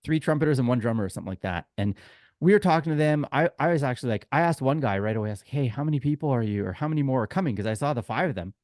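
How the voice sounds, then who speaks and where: A podcast co-host who also works as a tour guide tells anecdotes on a casual sports show, chatting informally and acting out quoted exchanges. His medium-pitched voice is lively, rapid-fire, and a little mellow. The studio-quality recording has no room sound.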